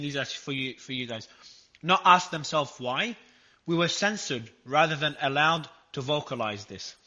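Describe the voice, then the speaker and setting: A man's voice: medium pitch, bright, forceful tone. A man hosting a live audio chat, reading audience questions aloud while eating. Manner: casual, reads audience questions. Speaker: host. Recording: dull lo-fi audio.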